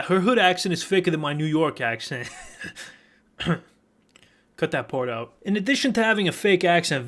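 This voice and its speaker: A man's voice: a little high, a bit bright. A man hosting a commentary video, narrating with sarcastic, profane, mocking asides. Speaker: commentary host.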